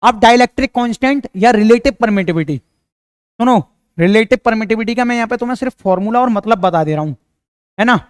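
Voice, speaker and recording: A man's voice: high voice, a little fast, clean tone, no echo, clean studio sound. A young man teaching physics in a casual, chatty lecture, talking straight to his students and joking with them. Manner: chatty, jokey, addresses students directly.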